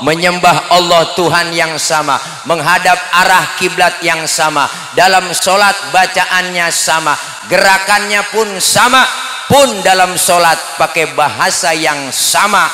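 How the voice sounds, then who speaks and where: A man's voice: high voice, pushed and bright. A man with a Betawi accent giving a humorous sermon, joking and chatting with the crowd. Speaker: preacher. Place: mosque event hall. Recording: echoey hall sound.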